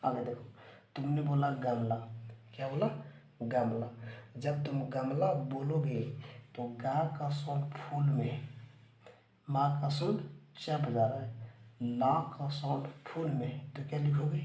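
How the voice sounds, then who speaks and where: A man teaching English spelling, slowly drilling words aloud, recorded on a phone without showing himself. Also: mid-range voice, mellow, a little hiss or hum. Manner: slow, repetitive, drilling words aloud to students. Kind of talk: spoken spelling lesson. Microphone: handheld phone recording, teacher not on camera. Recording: echoey room with faint ambience.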